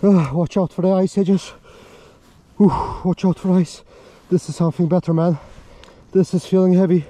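An excitable man narrating his ice fishing out on a frozen lake, out of breath and talking straight to his viewers. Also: sits high, normal speed, no echo. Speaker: fishing vlogger. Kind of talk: excited live commentary while ice fishing.

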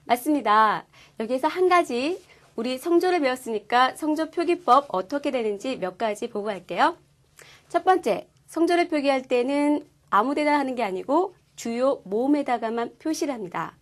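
A woman teaching a language class, explaining pronunciation clearly and patiently. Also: sits high, lively intonation, moderate pace. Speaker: Korean-speaking Chinese language teacher. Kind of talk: scripted lesson presentation.

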